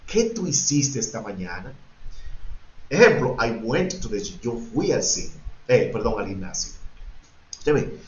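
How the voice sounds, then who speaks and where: A man's voice: mid-range voice, big pitch swings, a little slow. Male teacher, grammar lesson, echoey room, dull lo-fi sound. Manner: switches between Spanish explanation and English examples, repeats for emphasis. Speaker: English teacher. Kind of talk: explaining grammar to students.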